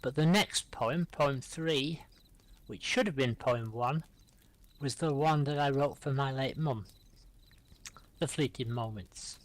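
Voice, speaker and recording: A middle-aged man hosting a live-streamed poetry reading, reciting his own rhyming poems aloud and calmly inviting the next reader between them. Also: medium pitch, takes it slowly, long pauses.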